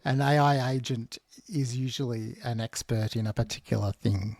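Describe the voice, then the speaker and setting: A man's voice: medium pitch, steady tone, moderate pace, gravelly, a little mellow, no room sound. A man co-hosting a podcast, explaining technical ideas casually and step by step, thinking aloud. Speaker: podcast co-host.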